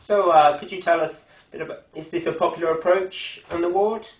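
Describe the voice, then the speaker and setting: A man's voice: on the high side, steady tone, fairly quick, natural voice. A young man playing an earnest TV reporter, in the manner of a parody news anchor. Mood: polite interviewing. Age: young adult. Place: indoor hospital ward, camera microphone at a distance. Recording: echoey room, distant microphone.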